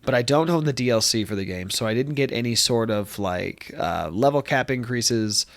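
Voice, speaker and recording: A man's voice: medium pitch, lively intonation, normal speed, no room sound. Congested young man chatting about games. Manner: rambling, many fillers and restarts. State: congested from allergies. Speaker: gaming video host. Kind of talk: casual talk to camera. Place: friend's apartment room.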